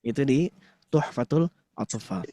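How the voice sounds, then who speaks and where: A man's voice: mid-range voice, animated, measured pace, dark tone, dry recording. Chatty man teaching a live class. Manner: conversational, filler-heavy with frequent "nah", quizzes the audience. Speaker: Quran teacher.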